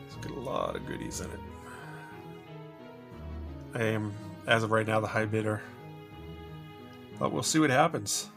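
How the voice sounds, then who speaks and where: A man's voice: lowish voice, gravelly. A man casually narrating a walkthrough of his cluttered storage room, rambling and asking viewers for help. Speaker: storage unit reseller.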